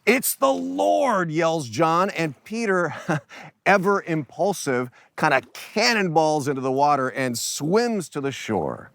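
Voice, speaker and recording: A man's voice: fairly high pitch, measured pace, dry recording, studio quality. A man teaching from the Bible in a reflective, storytelling manner. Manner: storytelling, reflective, animated retelling. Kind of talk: devotional teaching on location.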